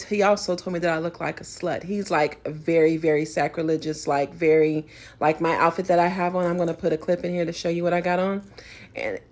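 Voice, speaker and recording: A woman vlogger delivering a spiritual rant, emphatic and preachy, rambling with frequent restarts. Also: fairly low pitch.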